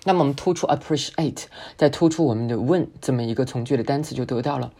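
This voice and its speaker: A woman whose first language is Chinese, teaching an English speaking lesson and slowly modelling words for the listener to repeat. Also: extremely low pitch, dark tone. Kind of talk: spoken English pronunciation lesson.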